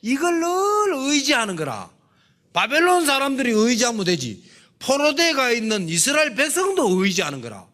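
A middle-aged male pastor with a Gyeongsang dialect, preaching a sermon full of rhetorical questions and sudden shifts between loud and soft. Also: very high-pitched, wildly swooping pitch, moderate pace.

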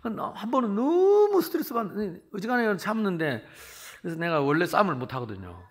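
This high-pitched, brisk voice belongs to a Jeolla-born South Korean pastor in his sixties. He preaches with lively storytelling, shifting from loud passages to hushed ones.

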